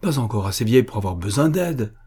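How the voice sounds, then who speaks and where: A man reading aloud, voicing an old grey-haired maidservant who speaks eagerly in a high voice. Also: fast talker, breathy edge. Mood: eager, indignant. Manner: eager, excited calls.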